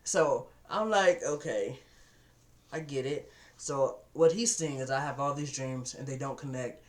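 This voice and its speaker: At home at his computer, a vlogger gives a casual motivational talk to his webcam, telling stories, acting out what people said, and repeating words. His mid-range voice keeps a moderate pace.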